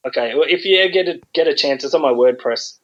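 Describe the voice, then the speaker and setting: A man's voice: on the high side, fast, lo-fi sound. Sarcastic, rambling man in podcast chat. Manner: sarcastic, rambling, frequent ums. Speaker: podcast guest.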